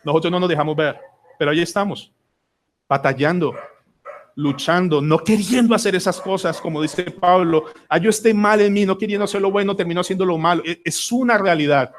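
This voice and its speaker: A man with a Colombian accent preaching a sermon in a church, earnest, with dramatic pauses and repeated words. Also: sits high, a little hiss or hum. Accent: Colombian Spanish. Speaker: pastor. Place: church sanctuary.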